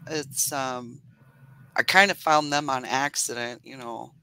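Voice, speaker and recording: A woman's voice: rumbling low, steady tone, unhurried, sharp tone, a little hiss or hum. A woman beekeeper guest on a casual livestream chat, gushing with thanks to viewers and laughing a lot.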